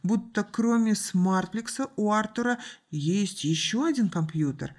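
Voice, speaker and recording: A woman's voice: mid-range voice, a little slow, a little mellow, pitched above the performer's own voice, lightly acted. A woman voicing a grim, clever young female hacker who speaks tersely and with focus.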